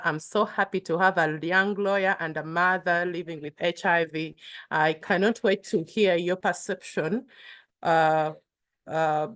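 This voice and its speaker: Woman moderating a webinar. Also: lowish voice. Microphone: video call.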